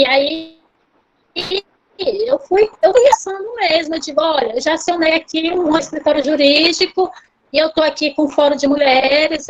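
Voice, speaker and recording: A woman guest, a teacher and activist, telling her story with passion, rallying and repeating phrases for force. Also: high-pitched. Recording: dull lo-fi audio with faint noise.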